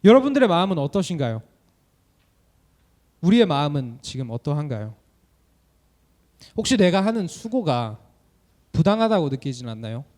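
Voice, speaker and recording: Animated young male student preacher. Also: a little high, moderate pace, pauses often. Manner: animated, asks many rhetorical questions. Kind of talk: sermon.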